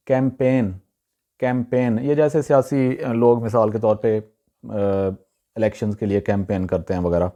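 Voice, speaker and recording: A man giving a casual spoken lesson on pronunciation, pausing with fillers and repeating each word slowly. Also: mid-range voice. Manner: relaxed, repeats words slowly with many fillers. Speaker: pronunciation teacher.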